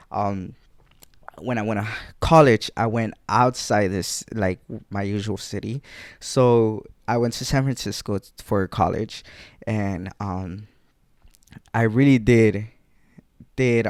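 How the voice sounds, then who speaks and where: A young man in his twenties chats casually into a desk mic at home, rambling and often restarting his sentences as he addresses his listeners. His voice is smooth and clear, with a dry, close sound and no room echo. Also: mid-range voice. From Guatemala. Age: 20s. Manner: rambling, self-correcting, chatty with listeners. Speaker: podcast host. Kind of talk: casual solo podcast chat.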